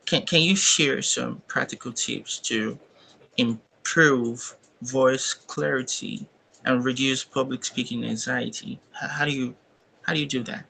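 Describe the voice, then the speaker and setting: A man's voice: mid-range voice, steady tone, a little slow, gravelly, pushed and bright, a little hiss or hum, rough recording. A man hosting an interview who rambles a little, filling his questions with "you know" and repeated words. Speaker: interview host.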